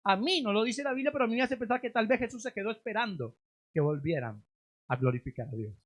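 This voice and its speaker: A man preaching a sermon as a pastor in a church, rising to loud emphatic lines and then dropping to low, drawn-out endings. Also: lively intonation. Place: church sanctuary.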